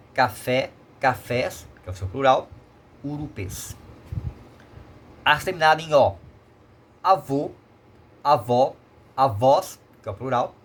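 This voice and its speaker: A Brazilian man teaching Portuguese grammar in a remote lesson, explaining patiently and checking in with short tag questions. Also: mid-range voice.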